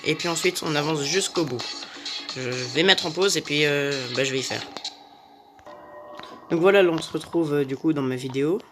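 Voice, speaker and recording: A man's voice: on the high side, normal speed, long pauses. Young man chatting over game music. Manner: hesitant, many fillers. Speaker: gaming youtuber. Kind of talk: casual game commentary.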